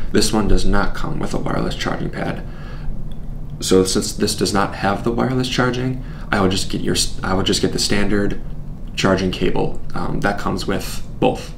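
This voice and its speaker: Seated at a desk in a small studio, a young man does a scripted product unboxing, steadily explaining the features one step at a time. His voice is low-pitched, and there's noise in the background.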